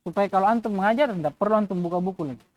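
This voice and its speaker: A woman's voice: medium pitch, rapid-fire, darkish tone. A woman teaching Quran recitation, sounding out letters again and again and checking that her students follow. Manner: drills letter sounds aloud, repeating each for students; checks understanding with short questions. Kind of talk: tajwid lesson.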